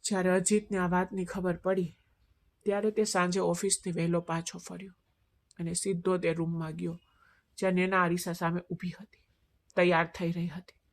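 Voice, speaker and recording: A woman giving a scripted narration of an emotional family story in a soft, even storytelling delivery. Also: fairly low pitch, normal speed.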